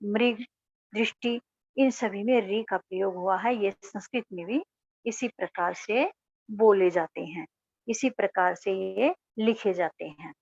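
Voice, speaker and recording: A woman's voice: medium pitch, measured pace, a little mellow, slightly rough, no echo. A woman teacher giving a grammar lesson, asking her class questions and answering them herself. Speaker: school teacher. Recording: dull, dry lo-fi recording.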